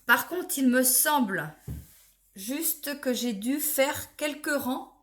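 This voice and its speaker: A woman's voice: sits high, animated, takes it slowly, fairly bright tone. Chatty woman, rambling knitting talk. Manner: chatty, rambling, restarts and checks things aloud. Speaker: knitting vlogger. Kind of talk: casual chat.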